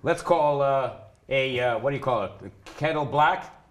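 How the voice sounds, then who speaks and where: A man's voice: medium pitch, moderate pace. A man hosting a talk show who interviews his guests with constant puns and teasing. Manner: punning, teasing, jumps between topics. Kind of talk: joking interview chat.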